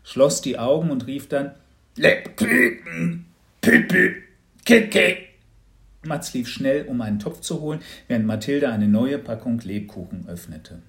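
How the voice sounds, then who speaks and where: A man reading a children's Christmas story aloud in an expressive, playful way. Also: mid-range voice, moderate pace, hardly any pauses.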